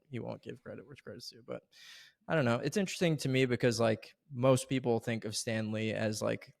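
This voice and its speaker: Rambling, gravelly-voiced male podcaster. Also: medium pitch. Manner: rambling, many restarts and fillers, retells quotes animatedly. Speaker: podcast co-host. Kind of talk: casual podcast chat.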